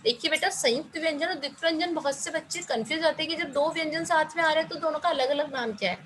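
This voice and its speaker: A woman's voice: high voice, fast, fairly bright tone, a little hiss or hum, rough recording. A young woman teaching Hindi grammar to students, explaining patiently and answering her own questions. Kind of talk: classroom-style lesson to students.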